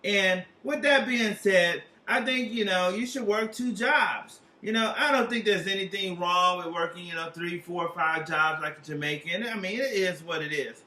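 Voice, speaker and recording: A man with a bright, high-pitched voice plays host on a comic psychic advice line. He rambles casually in slang and swears freely. The sound is roomy and a little distant from the microphone. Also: normal speed, hardly any pauses. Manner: profane, slangy, rambling, repeats tag questions. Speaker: comedic tarot advice hotline host. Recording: roomy echo, distant from mic.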